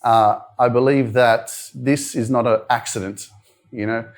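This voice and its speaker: This Australian man is a motivational speaker addressing a live indoor audience in a casual, direct way, with the odd swear word and some back-and-forth with the crowd. He speaks unhurriedly in a mid-range voice with fairly even intonation.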